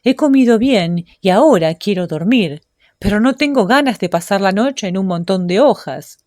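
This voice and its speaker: A woman's voice: medium pitch, expressive, normal speed, darkish tone, dry recording, studio quality, lightly acted. A woman voicing a poor, hungry duke who mutters his weary thoughts aloud in a storybook reading. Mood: weary, wistful. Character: poor hungry duke, grown man, wistful.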